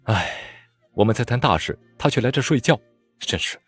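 A man's voice: lowish voice, sing-song, fast talker, a little mellow, husky, faint music behind. A man voicing a wry, sighing scholarly official who quotes classics.

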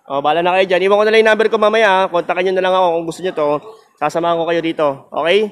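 A man's voice: high-pitched, steady tone, rapid-fire. A man with a Filipino accent vlogging a casual walk-through of a used car lot, joking and chatty, with a sore throat. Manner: joking, chatty, laughs often.

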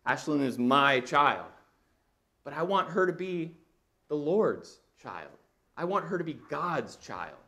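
Man in his thirties, sermon, lively rising and falling pitch, slightly high voice, church auditorium, body mic. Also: takes it slowly. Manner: animated, conversational preaching, walking the stage. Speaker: preacher. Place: church auditorium with a projection screen.

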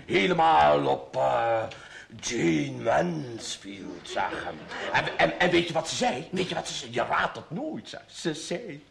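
A flustered, bashful baron. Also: male voice, a little high, big pitch swings, takes it slowly, creaky, fairly bright tone, full character voice. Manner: stammering, flustered comic delivery. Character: bashful lovestruck baron, shy with women. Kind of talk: old radio comedy acting. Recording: old radio play with audience laughter.

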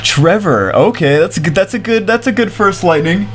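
A gaming streamer in his thirties chats casually and excitably, rambling and repeating himself, in a high, congested voice at normal speed. He's on a headset in a small room at home, and there's a little hiss or hum.

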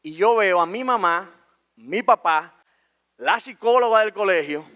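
A man with a Dominican accent telling a personal story on stage, colloquial and animated, acting out scenes. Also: high-pitched, a little slow. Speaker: speaker. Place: stage in a talk venue.

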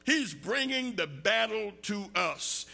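A man's voice: sits high, expressive, slow pace, vocal fry. An older man preaching a sermon from a church pulpit, building force through repeated calls and questions. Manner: forceful, emphatic repetition with rising calls. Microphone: pulpit mic.

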